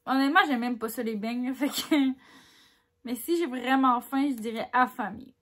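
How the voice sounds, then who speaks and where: A woman's voice: on the high side, normal speed. A woman with a Québécois French accent chatting casually as she reads quiz questions aloud and answers them candidly. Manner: chatty and candid, reads each question louder then mulls over answers with little laughs.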